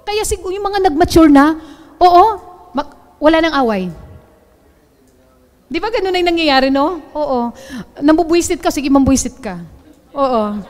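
High-voiced woman giving a training talk. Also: moderate pace, long pauses. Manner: lively, joking, teasing with the audience. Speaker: training speaker.

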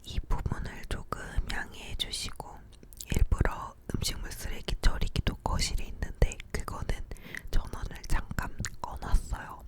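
A young woman whispering a casual ASMR chat, leaning in very close to the microphone with soft, unhurried murmuring. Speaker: ASMR video creator. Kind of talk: whispered ASMR chat about daily life. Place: living room at home. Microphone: close to the mouth, ear-to-ear.

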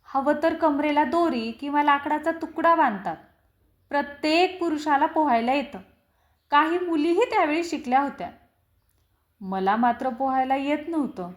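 A woman reads a story aloud with a high voice and an unhurried, expressive delivery. The recording has a roomy echo around her. She shifts her tone to act out the story. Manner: slow, expressive, acts out quoted lines. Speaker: story reader.

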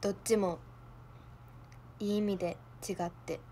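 A woman's voice: mid-range voice, steady tone, unhurried, warm tone, slight background noise. A young woman with a Kansai accent, hosting a livestream in casual chat, playful and giggly, thinking aloud. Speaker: idol livestream host.

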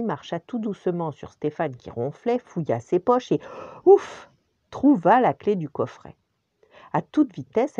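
Older french-reading grandma doing bedtime stories, low mellow voice, sometimes whispery, muffled lo-fi. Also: female voice, breathy edge, dry recording. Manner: gentle, expressive, dropping to whispers. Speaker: grandmother storyteller. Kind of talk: bedtime story narration.

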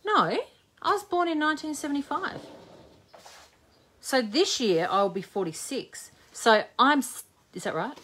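Breathy at the edges and fairly bright, her voice sits high; she's animated, a little slow, and takes long pauses. This woman in her forties hosts a craft video, joking and chatting as she thinks aloud through a live demo.

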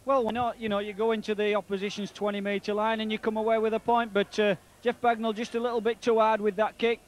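A man's voice: high-pitched, level tone, fast. A man giving live commentary on a rugby league match. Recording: outdoor match noise behind commentary. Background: stadium ambience, whistling crowd.

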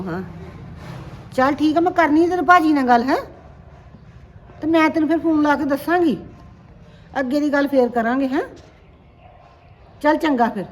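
A middle-aged woman playing a mother looking for a bride for her son, chatty and lively in her talk. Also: mid-range voice, a little hiss or hum, natural voice. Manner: chatty, animated on the phone. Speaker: mother of the groom.

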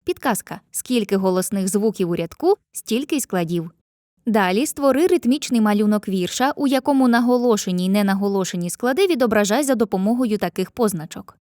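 A woman narrating a scripted lesson, speaking clearly to the viewer and chanting rhymes slowly. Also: mid-range voice, warm tone, no echo, studio quality. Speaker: teacher.

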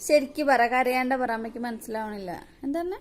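A mother gently coaxing and questioning her crying toddler in a casual home video. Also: high-pitched, fairly quick. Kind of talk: casual home video talk to a small child.

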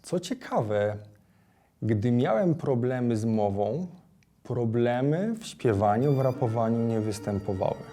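A man's voice: mid-range voice, animated, unhurried, dark tone. A young man speaking earnestly and matter-of-factly in a documentary interview.

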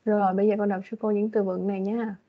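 A woman teaching English to a young child online, patient and coaxing as she explains things slowly. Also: medium pitch, level tone. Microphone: video call. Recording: dull lo-fi video call audio.

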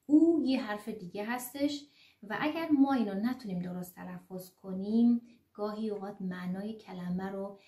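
A woman giving an online German lesson, explaining slowly with frequent fillers and repeated example sounds. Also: mid-range voice, warm tone, reverberant. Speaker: German teacher.

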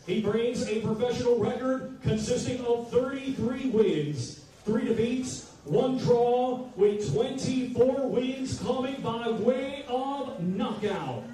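Booming high-voiced ring announcer. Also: male voice, takes it slowly, dark tone. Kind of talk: boxing weigh-in announcing. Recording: echoey venue from far off with crowd.

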